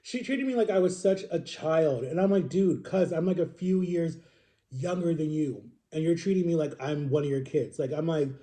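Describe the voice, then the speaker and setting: A vlogger in his thirties talks to viewers like friends, his slightly high voice very dark and relaxed, at a moderate pace. His stories ramble, looping back to correct himself and repeating words for emphasis.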